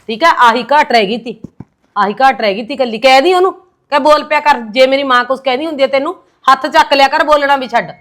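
A woman's voice: sits high, fast talker, a bit bright. A woman as a bitter sarcastic mother-in-law. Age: middle-aged. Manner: sarcastic, scolding, complaining. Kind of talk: Punjabi short film drama.

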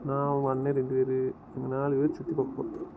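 A man's voice: medium pitch, completely flat delivery, fast talker, gravelly, noisy background. A man talking with his wife on a phone call, teasing her and giving bossy instructions. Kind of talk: casual phone conversation.

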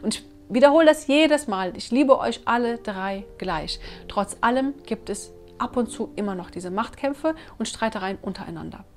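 A woman's voice: fairly high pitch, moderate pace, faint music behind. Earnest woman vlogging on parenting. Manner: earnest, animated, acts out her own scolding. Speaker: parenting vlogger, mother of three. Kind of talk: casual talk to camera. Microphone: camera mic.

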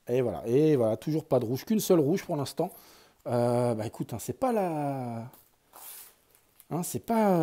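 A man's voice: mid-range voice, dark tone. A man giving casual running commentary as he opens sticker packs, chatty and thinking aloud. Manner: chatty, thinks aloud, lots of fillers and sighs. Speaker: YouTuber opening sticker packs.

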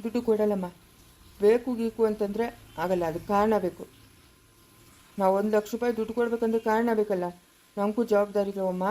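A woman playing a firm, calm family elder. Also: mid-range voice, lightly acted, rough recording. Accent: rural Chikkaballapura Kannada. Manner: steady, reasoning, firm.

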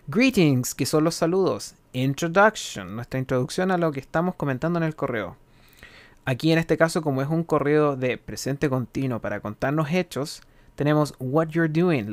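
A man giving a recorded English grammar lesson, explaining in Spanish and reading English examples slowly and carefully. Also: fairly high pitch, lively intonation, no room sound. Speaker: English teacher.

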